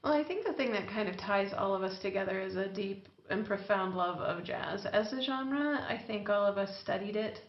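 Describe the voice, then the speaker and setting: A woman musician explaining things in articulate, measured casual conversation. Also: mid-range voice. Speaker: musician guest. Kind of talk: casual interview chat. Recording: echoey room, dull lo-fi sound.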